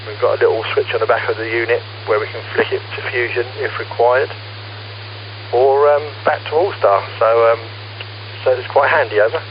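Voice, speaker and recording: A man's voice: mid-range voice, fairly even intonation, fairly quick. A man chatting casually and hesitantly as an amateur operator over shortwave radio, handing over at the end of his turns. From England. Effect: shortwave radio transmission. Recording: dull, noisy radio link with hum.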